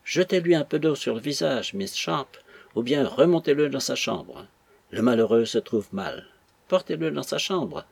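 A man reading aloud and voicing an older, jovial father who mocks his son in a loud, teasing way. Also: medium pitch, very animated, normal speed, gravelly, husky, no echo, heavily acted. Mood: mocking.

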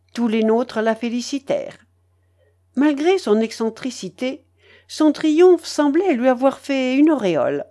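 Casting: woman audiobook narrator, slow and expressive, warm and high.

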